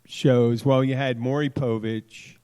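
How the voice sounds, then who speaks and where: A man hosting a podcast, talking in a loose, rambling way. He jokes and drifts into crude stories and asides. His pitch sits in an ordinary middle range. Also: fairly even intonation, takes it slowly, mellow, clear, resonant tone. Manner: rambling, joking, crude storytelling. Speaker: podcast host. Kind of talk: casual chat.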